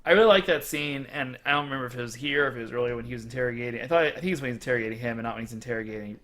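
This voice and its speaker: A man's voice: mid-range voice, fairly bright tone. A man co-hosting a casual movie podcast, agreeable, chuckling and chiming in often. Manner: agreeable, quick backchannels and chuckles. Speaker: podcast co-host. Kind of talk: casual movie-review chat.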